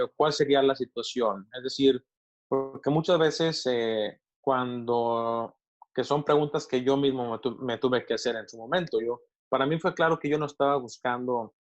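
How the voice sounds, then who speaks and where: Over a slightly dull, lo-fi video call, a middle-aged Mexican pastor with a Mexican Spanish accent answers interview questions. His pitch is ordinary, and he thinks aloud reflectively, often pausing and starting over as he works things out.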